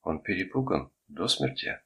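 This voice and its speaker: A man voicing a frightened young mother in a raised falsetto, as an audiobook character. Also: big pitch swings, moderate pace, sharp tone, slightly rough, exaggerated voice. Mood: soothing.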